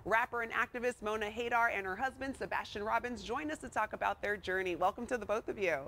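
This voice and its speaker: A woman's voice: on the high side, quick pace, fairly bright tone, a little hiss or hum. Upbeat woman hosting a TV interview. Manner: friendly, upbeat questioning. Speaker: TV show host.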